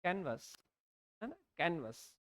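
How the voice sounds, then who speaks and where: A woman's voice: fairly low pitch, very animated, no echo, studio quality. A woman teacher explaining English vocabulary, mixing Hindi and English, spelling out words letter by letter and often checking in with "है ना?". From India. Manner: explains slowly, often asks "है ना?" to check understanding. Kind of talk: classroom lesson in Hindi mixed with English.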